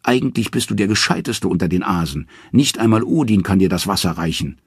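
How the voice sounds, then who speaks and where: A man's voice: low voice, lively intonation, a little fast, husky, no room sound, studio quality, heavily acted. A man doing a scolding goddess wife. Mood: indignant. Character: indignant, devoted wife of a god.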